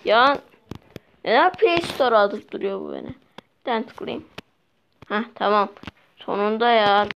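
A woman's voice: mid-range voice, big pitch swings, slow pace, gravelly, long pauses. A young woman giving casual commentary while playing a mobile game, chatty and easily exasperated as she talks to her viewers. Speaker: mobile gameplay vlogger. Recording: dull lo-fi sound with faint noise.

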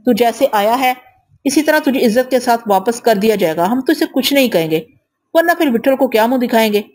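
Bossy gang leader guy in an audio story, woman reading him, gruff and talking down. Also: a little high, expressive, darkish tone. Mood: domineering. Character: menacing gang boss man, coarse and commanding.

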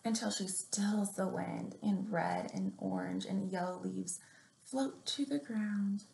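A children's librarian hosts story time, a young woman reading picture books and leading finger plays for little ones in a slow, creaky, medium-pitched voice with fairly even intonation and a darkish tone. Her delivery is measured and deliberate, with simple instructions. Recorded in a small room at home or office on a webcam or laptop mic at arm's length, the audio is roomy and echoey with a little hiss or hum.

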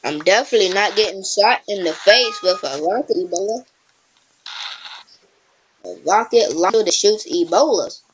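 A woman's voice: mid-range voice, normal speed, pauses often, highs cut off, slight background noise. A woman hosting a casual gameplay recording, teasing and trash-talking her friend as she plays. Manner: playful teasing trash talk. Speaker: gameplay channel host.

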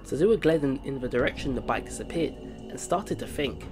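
Over background game music, a man narrates a playthrough by reading the story text, tripping up now and then and restarting. His mid-range voice is expressive and he moves briskly.

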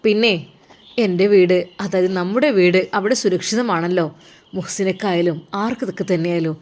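A woman voicing a kind but firm older foster mother, speaking in a motherly, slightly louder way. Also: fairly low pitch, moderate pace, close to an everyday voice.

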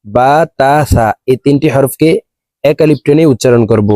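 A man teaching a recorded lesson on letter pronunciation. He repeats each letter slowly so listeners can copy him. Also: mid-range voice, warm tone, no echo. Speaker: Quran teacher.

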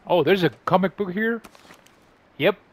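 A man's voice: high-pitched, unhurried. A man hosting a gaming channel, chatting upbeat and rambling over his gameplay. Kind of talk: casual gameplay commentary.

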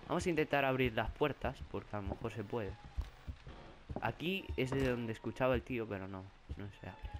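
A man's voice: mid-range voice, brisk. A young man from Spain with a Spanish accent, narrating a horror game and getting jumpy, swearing and crying out in fright. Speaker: gaming YouTuber. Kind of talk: horror game let's play commentary. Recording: faint background noise.

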